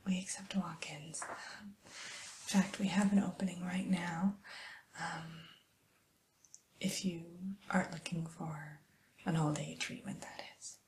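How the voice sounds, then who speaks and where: Female ASMR whisperer, mellow and hushed, gentle receptionist roleplay, unhurried with soft hesitations. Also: fairly low pitch, fairly even intonation, a little hiss or hum. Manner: soft unvoiced whisper, slow and soothing.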